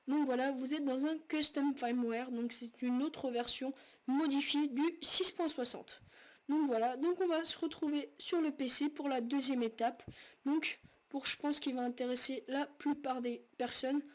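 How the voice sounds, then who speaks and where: A woman hosting a casual tech tutorial, talking viewers through each step in a chatty way with lots of fillers and quick self-corrections. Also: sits high. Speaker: tutorial host.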